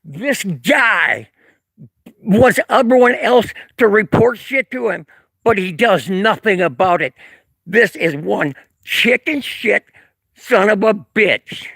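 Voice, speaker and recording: A man's voice: high-pitched, expressive, takes it slowly, vocal fry, a bit bright, husky, no echo. A man livestreaming outdoors from a street corner with a handheld camera, ranting angrily and profanely between sarcastic chuckles while reading chat comments. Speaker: livestreamer filming local police. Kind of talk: live-streamed rant reading chat comments.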